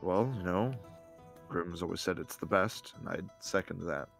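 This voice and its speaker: Man playing a cagey, low-voiced farm boy. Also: normal speed, vocal fry, faint music behind. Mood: salesmanlike. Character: cagey seventeen-year-old farm boy selling crops.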